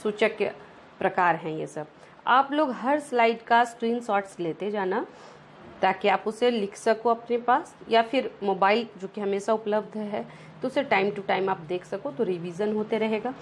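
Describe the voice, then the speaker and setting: A woman's voice: medium pitch, a little slow, a little hiss or hum. A woman teaching a science lesson over slides, often checking in with rhetorical questions and mixing English terms into her explanations.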